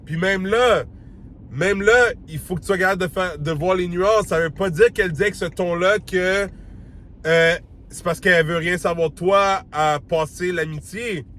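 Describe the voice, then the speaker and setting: A talkative man with a Québécois accent and a voice pitched a little high, coaching the listener on dating like a buddy. His speech is loose and slangy, with English words dropped in, and he acts out the lines he quotes. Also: moderate pace, a bit bright, slight background noise. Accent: Québécois French. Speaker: dating advice host. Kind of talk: casual advice monologue.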